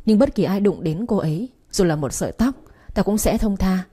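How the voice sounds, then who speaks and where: A woman's voice: mid-range voice, lively intonation, a little fast, warm tone, husky. A woman voicing a wealthy young husband who speaks coldly and harshly, giving orders in a storybook reading. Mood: cold fury. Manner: harsh, commanding. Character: cold angry young husband, wealthy household heir.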